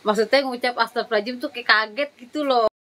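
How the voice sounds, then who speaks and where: A young woman, eight months pregnant, chatting casually in a vlog, slangy and quick to exclaim in surprise. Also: on the high side, fairly even intonation, a bit bright. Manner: chatty, slangy, with frequent startled religious exclamations. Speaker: vlogger. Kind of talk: casual chat.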